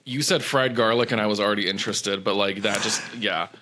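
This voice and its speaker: A man's voice: on the low side, fairly quick, pushed and bright, a little hiss or hum. A man co-hosting a casual comedic chat show with a campy, sassy, drag-queen-like delivery full of playful slang. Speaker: podcast co-host.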